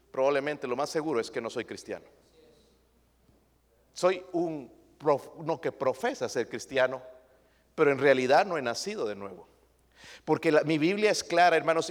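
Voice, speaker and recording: A man's voice: fairly high pitch, in a large hall. A male pastor preaching a sermon emphatically, throwing rhetorical questions at his congregation.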